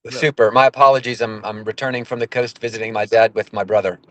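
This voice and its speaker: A man speaking on a video call at a committee meeting, his audio breaking up and cutting out as he talks haltingly and restarts. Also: medium pitch, steady tone, a bit bright, dry recording. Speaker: state hospital official. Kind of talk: remarks at an online committee meeting.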